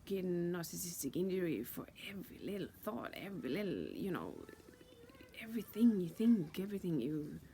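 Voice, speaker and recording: Woman, lowish gravelly voice, casual personal storytelling, halting with many fillers, lots of swearing, repeats words for emphasis. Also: very animated, dark tone, a little hiss or hum. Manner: halting, full of fillers and restarts, heavy swearing. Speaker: channel host telling her own story.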